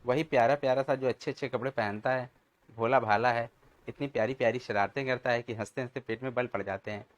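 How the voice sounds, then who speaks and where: A burly storybook wrestler, as a man voices him, sly and vengeful behind a coaxing, sweet-talking manner. His voice sits at an ordinary middle pitch, with the put-on friendliness of a cartoon trickster. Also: fairly even intonation, quick pace, lightly acted. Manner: sweet-talking, then blunt.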